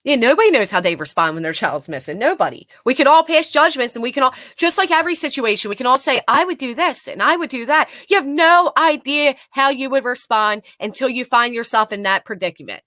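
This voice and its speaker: Her voice is high, brisk and forceful, with lively intonation, a bright tone and hardly any pauses, recorded clean and dry as in a studio. She runs a live stream where she sarcastically ridicules clips, reads chat, banters with viewers and swears openly.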